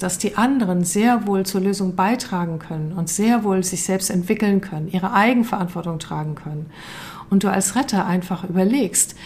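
A woman giving a calm, earnest coaching talk, addressing listeners directly with a few hesitation sounds. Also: mid-range voice, a little hiss or hum. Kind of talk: explanatory talk to camera.

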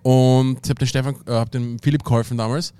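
A man's voice: mid-range voice, flat delivery, quick pace, dark tone, clear, resonant tone. A young man with an Austrian German accent, rambling through an anecdote in casual slang with lots of fillers. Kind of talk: casual chat.

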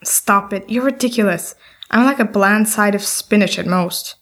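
A woman's voice: medium pitch, normal speed, a bit bright, close to an everyday voice. An actress playing an anxious, heartbroken young woman in an audio drama, speaking in a self-deprecating, apologetic way. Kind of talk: scripted audio drama dialogue.

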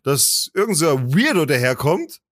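A man's voice: fairly high pitch, moderate pace, dry recording, clean studio sound. A man telling a story on a casual podcast, acting out the people in it with big jumps in his voice. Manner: animated, acts out quotes with big voice jumps. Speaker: podcast host.

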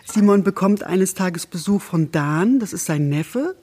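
Husky, mellow-voiced woman podcast host. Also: on the low side, animated, measured pace. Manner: composed, explanatory. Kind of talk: interview, book discussion.

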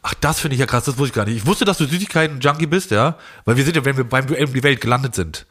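A man chatting on a podcast with a husky voice. He talks quickly and reacts with open surprise. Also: medium pitch, animated, a bit bright. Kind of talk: casual podcast chat.

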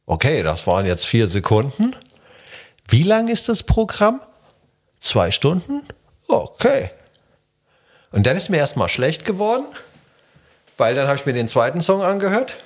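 A man's voice: a little high, a little slow, long pauses. A man from Germany, a guest musician telling stories in a casual interview. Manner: animated storytelling.

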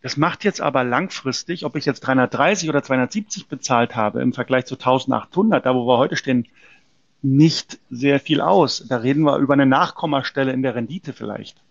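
A man's voice: medium pitch, brisk, creaky, no echo, muffled recording. A man from a precious metals company answering interview questions in an explanatory way, often hesitating with fillers and restarts.

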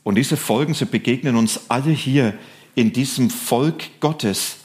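A male preacher delivers a sermon in a mid-pitched voice and reads scripture passages aloud. He speaks earnestly, and his voice lifts and slows on the phrases he wants to stress. Between those peaks his delivery is steady. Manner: earnest, stresses key phrases by rising and slowing.

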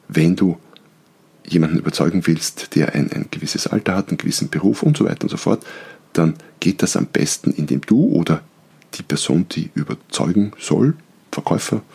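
A man hosting an instructional podcast, explaining persuasion and switching between higher, faster talk and lower, slower talk to demonstrate. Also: darkish tone. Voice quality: very deep, gravelly voice. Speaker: podcast host and business coach.

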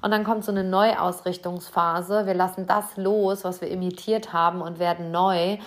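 A woman giving a motivational talk straight to the listener, earnest and direct, slowing down to stress her questions. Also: fairly low pitch, fairly even intonation.

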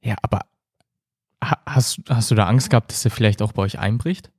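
A man's voice: on the low side, brisk, darkish tone, slightly rough, dry recording, clean studio sound. A man hosting a casual interview, asking probing follow-up questions with frequent restarts and short agreeing replies. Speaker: podcast host. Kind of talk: conversational interview.

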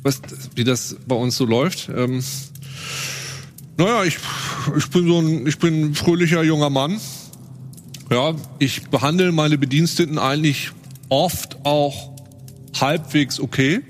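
A man voicing a cheerful but cruel young nobleman who speaks haltingly. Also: on the high side, slight background noise, natural voice. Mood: boastful. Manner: halting, hesitant, many restarts.

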